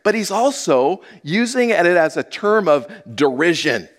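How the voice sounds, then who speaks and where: A man preaching a teaching sermon, moving between loud emphasis and hushed asides. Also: sits high, sing-song, measured pace. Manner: teaching verse by verse, dramatic swings from loud to hushed. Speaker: pastor.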